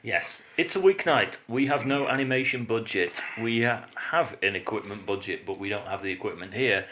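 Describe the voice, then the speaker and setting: A man's voice: fairly low pitch, normal speed, sharp tone. A man co-hosting a comedy podcast with a Northern English accent, rambling and giggling in casual chat. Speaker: podcast co-host. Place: bare echoey room at home. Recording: echoey room with noise.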